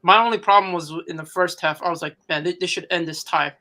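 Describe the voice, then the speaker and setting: A man's voice: sits high, fairly even intonation, fast talker, bright, forceful tone. A man giving casual post-match football analysis as a pundit, slangy and repeating himself for emphasis.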